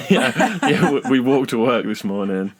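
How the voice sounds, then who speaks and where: A man in his thirties, chatting casually as a podcast co-host inside a small, soft-furnished caravan. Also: mid-range voice, expressive, a little slow, a crowd in the background. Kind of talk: casual conversational podcast chat.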